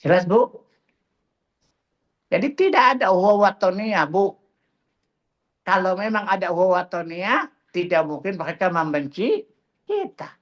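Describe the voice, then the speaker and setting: A middle-aged man leads a religious study class with a fairly high-pitched voice. He preaches in a fiery, combative way, mocking opponents and hammering his listeners with rhetorical questions. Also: very animated, measured pace, long pauses, dull audio.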